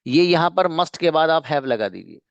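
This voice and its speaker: A man's voice: a little high, big pitch swings, gravelly, smooth, no room sound, highs cut off. Male teacher with a dry close voice. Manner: explains patiently, repeats example sentences slowly. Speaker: English teacher. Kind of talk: online grammar lesson in Hindi.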